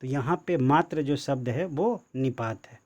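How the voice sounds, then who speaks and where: A man teaching an online grammar lesson, explaining slowly and repeating himself, stressing the key example words. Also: mid-range voice, darkish tone, lo-fi sound.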